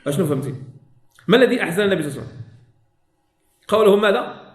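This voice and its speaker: Male Moroccan Quran teacher, high-pitched, lesson recorded in a reverberant room. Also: expressive, rapid-fire. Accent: Moroccan Arabic. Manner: repeats key phrases, asks students questions. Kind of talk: religious lesson explanation. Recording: echoey room.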